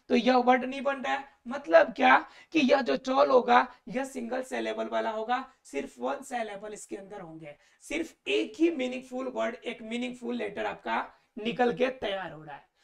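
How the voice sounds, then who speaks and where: Woman grammar teacher, high and gravelly, self-answering questions, repeats key words. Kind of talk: explanatory lesson.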